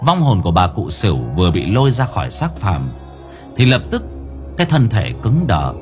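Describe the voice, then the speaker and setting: A man's voice: lowish voice, wildly swooping pitch. Guy reading a spooky audiobook, voice swings up and down a lot, faint music under it. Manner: dramatic, drawn-out storytelling. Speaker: narrator. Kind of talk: horror audiobook narration.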